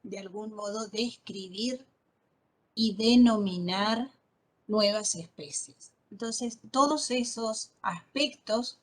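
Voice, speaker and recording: A woman's voice: medium pitch, slow pace, low-quality recording. A woman teaching a botany class, patiently spelling out terms and checking understanding with frequent questions. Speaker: botany lecturer. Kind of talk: online class lecture.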